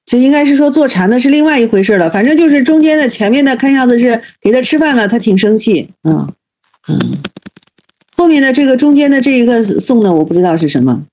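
A woman's voice: fairly high pitch, expressive, a little fast, a little mellow. A woman reading an old tale aloud and retelling it casually, hesitant and thinking aloud as she goes. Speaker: reader explaining a classic tale.

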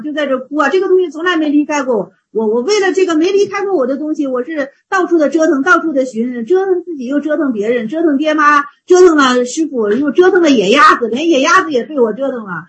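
A woman giving a Buddhist dharma talk, retelling a Zen story in an animated, repetitive, emphatic way. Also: high-pitched, poor audio. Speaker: Buddhist teacher.

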